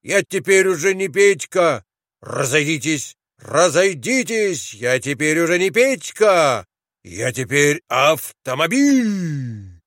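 A man voicing a playful little boy who pretends to be a car, growling like a motor and shouting for people to clear the way. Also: fairly high pitch, big pitch swings, takes it slowly, dry recording, studio quality, heavily acted. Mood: excited.

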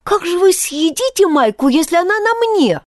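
A woman's voice: very high-pitched, big pitch swings, moderate pace, dry recording, studio quality, voice pushed up. A woman voicing a timid, kind-hearted boy who speaks earnestly and politely in a storybook reading.

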